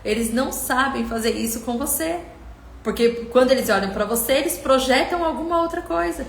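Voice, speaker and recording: Passionate woman coach, high voice. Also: animated, brisk, creaky, reverberant, a little hiss or hum. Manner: passionate, speaks straight to viewers, quotes them in acted voices. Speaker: coach hosting a live stream. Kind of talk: emotional live coaching talk.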